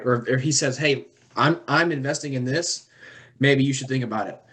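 Medium-pitched man in casual business talk. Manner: informal, explaining by example.

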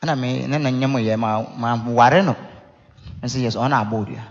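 A man's voice: mid-range voice, brisk, highs cut off. A Ghanaian man, a native Twi speaker, preaching in a conversational teaching style with rhetorical questions and repeated phrases. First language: Akan (Twi). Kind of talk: sermon teaching, mixing explanation with scripture and storytelling. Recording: echoey hall with long reverb.

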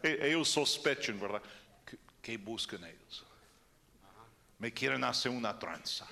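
An older man preaching a sermon as pastor, animated and joking with the congregation. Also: mid-range voice, unhurried, creaky, big-room sound.

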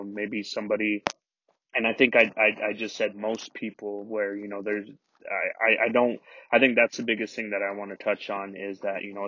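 A podcast host recording a halting solo apology inside a closet, full of "you know" fillers and restarts. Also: male voice, fairly low pitch, fairly bright tone, muffled recording, a little hiss or hum.

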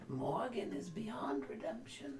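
A woman's voice: on the high side, big pitch swings, voice pushed up. Woman doing a creepy whispering fae oracle, whispered role-play. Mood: ominous. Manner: slow, eerie, whispery. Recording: roomy with background noise.

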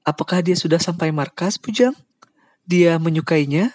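A man voicing a warm, motherly older woman who speaks gently and grows emotional. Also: on the high side, moderate pace, dry recording, clean studio sound, pitched above the performer's own voice, natural voice. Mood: eager.

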